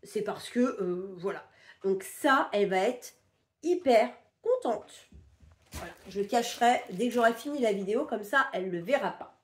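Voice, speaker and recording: A woman's voice: mid-range voice, expressive, moderate pace. A woman from France chatting casually through a shopping haul, rambling with fillers and sounding sick and stuffy. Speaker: vlogger showing a shopping haul. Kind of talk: casual haul chat to camera.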